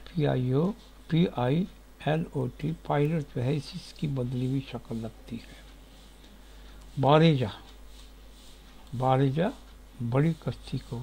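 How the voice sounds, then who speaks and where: Slow, gravelly man teaching word roots. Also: mid-range voice, warm tone, a little hiss or hum, rough recording. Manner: deliberate, spells out letters one by one. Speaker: etymology teacher. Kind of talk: slow spelled-out lecture. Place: sitting room at home.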